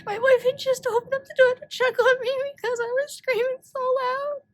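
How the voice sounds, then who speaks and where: A woman reacting to a movie on her first watch at home, emotional, loud and swearing freely. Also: very high-pitched, fairly even intonation, normal speed, a little hiss or hum. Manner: emotional, loud and profane outbursts.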